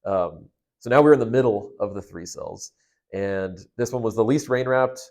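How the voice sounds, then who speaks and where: A man's voice: fairly low pitch, normal speed, a little mellow. A young man, a storm chaser, casually recounting a past experience step by step in a conversational, detailed way.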